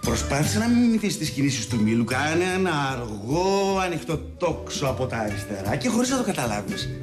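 An excitable, talkative man with a high voice that swings wildly up and down. Faint music plays under his lines in a TV drama. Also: echoey room.

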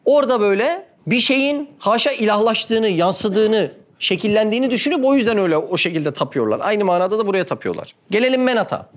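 A man with a notably high voice gives a religious talk in storytelling form. He keeps asking his listeners rhetorical questions and acts out the quoted dialogue with lively, shifting delivery. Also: quick pace, hardly any pauses. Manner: animated, asks the audience frequent rhetorical questions. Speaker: religious speaker.

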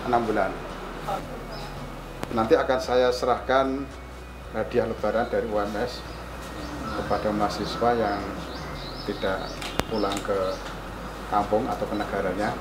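A man's voice: on the low side, steady tone, unhurried, long pauses. An Indonesian man in his sixties presenting a vlog and casually interviewing people as a university rector. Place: campus lobby and outdoors. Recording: echoey location sound with clear noise.

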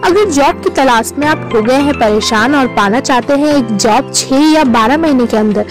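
A woman reading scripted advertisement voice-overs in a brisk promotional manner. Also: sits high, lively intonation. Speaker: advertisement voice-over. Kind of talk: scripted ad voice-over. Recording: voice-over over loud music.

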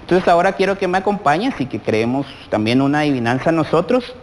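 Man, children's TV teacher, keeps asking the viewer questions; animated delivery with a long room echo. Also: a little high, fairly quick, a little hiss or hum. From Guatemala. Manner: asks many questions directly of the child viewer. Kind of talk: televised lesson for children.

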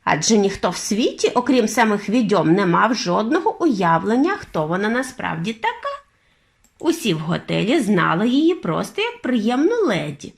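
A woman doing a calm old grandmother, slow and measured. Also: mid-range voice, vocal fry, slightly rough, full character voice. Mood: explaining. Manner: measured, unhurried, knowing. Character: calm, determined elderly grandmother. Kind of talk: audiobook reading for children.

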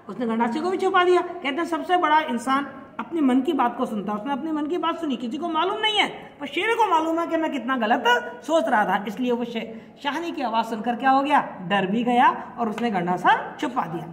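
A woman's voice: high-pitched, fairly bright tone. A woman teacher explaining a literature text, who keeps paraphrasing and repeating each point. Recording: echoey room with long reverb, faint hiss.

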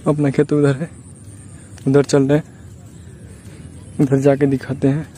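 A man's voice: mid-range voice, completely flat delivery, measured pace, mellow, slight background noise. Young man vlogging outdoors by phone. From Bihar, India. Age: young adult. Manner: chatty, complaining, explains step by step. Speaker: village vlogger. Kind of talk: casual vlog to camera. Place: outdoors at a building site and rice fields. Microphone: phone held at arm's length.

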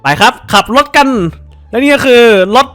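A man's voice: normal speed, pushed and bright, soft background music. A man hosting a let's play, swearing freely, yelping in surprise and laughing often as he plays. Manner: laughs often while playing. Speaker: gaming channel host.

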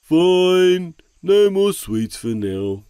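A man's voice: sits high, very animated, drawn-out words, dark tone, clear, resonant tone, no echo, exaggerated voice. A man voicing a cheerful male cartoon friend who loves sweets, chatty and easily tempted, talking to himself. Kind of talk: animated children's cartoon acting. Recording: light background music.

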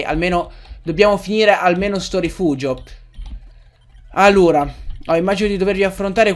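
A young man giving casual commentary while playing a game, excitable and quick to yell and swear at it. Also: high-pitched. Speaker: gaming let's-player.

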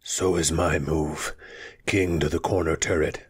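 A wounded, sharp-minded lord speaks in a measured, faintly mocking manner, read by a male storyteller. His voice is deep and unhurried, close to the reader's own tone. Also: fairly even intonation, breathy edge, exaggerated voice. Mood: wry calm. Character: wounded, cruel-mouthed lord, a sharp and wry strategist.

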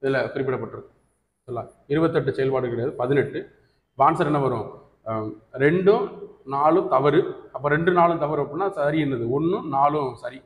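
A man's voice: on the high side, brisk, slight background noise. A man with a Tamil accent teaching an exam coaching class, who keeps asking his students "right?" and mixes English terms into his speech. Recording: echoey hall recording.

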